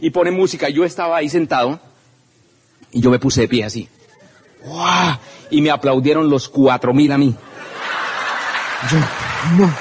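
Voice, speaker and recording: A man telling an animated story to an audience at a business event, acting out the scenes and calling out to the crowd. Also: on the high side, normal speed, pauses often, breathy edge. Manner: expressive, acts out scenes and shouts.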